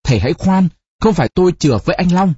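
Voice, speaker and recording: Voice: medium pitch, big pitch swings, moderate pace, dark tone, slightly rough, dry recording, highs cut off. A narrator voicing a frightened young village daughter who stammers and pleads. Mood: upset.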